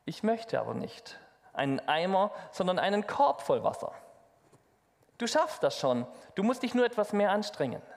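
Brief: preacher reading a patient old grandpa, gentle, high-ish voice, long hall echo. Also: male voice, moderate pace, gravelly, full character voice. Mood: calm. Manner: calm, gentle storytelling.

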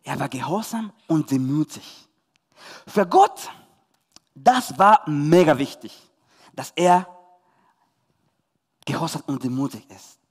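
A man from Chile with a Spanish accent, a youth pastor telling a Bible story to children and parents in lively, emphatic German. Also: fairly high pitch, takes it slowly, pauses often, breathy edge, long reverb tail.

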